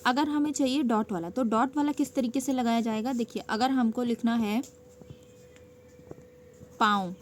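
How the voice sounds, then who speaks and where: A fairly high-voiced woman walks through a shorthand lesson one step at a time, pausing often to check that her students are following. Her tone is patient and steady. A faint hiss of noise sits under the recording. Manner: patient, checks in with frequent "okay" and "theek hai". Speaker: stenography teacher.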